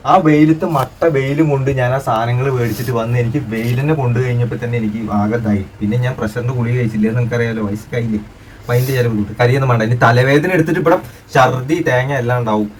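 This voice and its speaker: A man's voice: mid-range voice, rapid-fire, distant mic, slight background noise. A middle-aged man playing the joking father in a family comedy skit, scolding and teasing and repeating himself.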